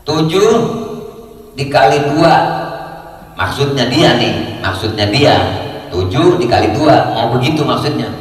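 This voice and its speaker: A man's voice: medium pitch, unhurried, pauses often. Man preaching in an echoey hall. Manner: jokey, animated, acts out voices in quotes. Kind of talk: informal sermon. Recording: echoey hall, distant mic.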